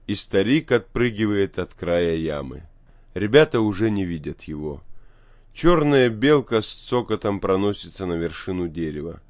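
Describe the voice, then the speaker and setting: A man reading a story aloud in steady scripted narration. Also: fairly low pitch, no room sound, clean studio sound. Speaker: audiobook narrator.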